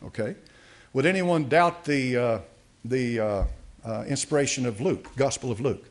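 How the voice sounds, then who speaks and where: A man's voice: mid-range voice, a little slow. An older man preaching a sermon from a church podium, reading aloud and commenting with many fillers and restarts. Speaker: pastor. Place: church sanctuary. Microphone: podium mic.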